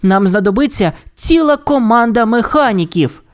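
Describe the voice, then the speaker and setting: A woman's voice: on the high side, moderate pace, pitched above the performer's own voice, natural voice. A woman doing a spirited girl stunt pilot. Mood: excited. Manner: excited and exclamatory. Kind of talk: audiobook character voice.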